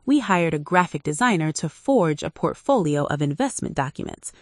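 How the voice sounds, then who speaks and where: A woman giving scripted, measured, dramatic narration of a story. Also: low voice, very animated, no room sound, studio quality.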